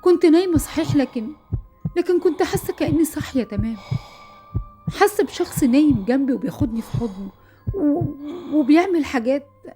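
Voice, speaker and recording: A woman's voice: high voice, expressive, brisk, long pauses, mellow, soft background music. A young woman with an Egyptian Arabic accent narrating a first-person horror story, breathless and fearful.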